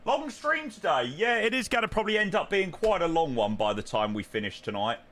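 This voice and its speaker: A man's voice: sits high, big pitch swings, fairly quick, fairly bright tone. A British man chatting casually on a flight simulator livestream, informal and matey in manner.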